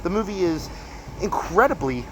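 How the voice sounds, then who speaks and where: A man giving a casual, emphatic movie review as a video host while walking on a treadmill, halting and repeating himself for stress. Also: sits high, lively intonation. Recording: clear treadmill motor and footstep noise. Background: treadmill noise.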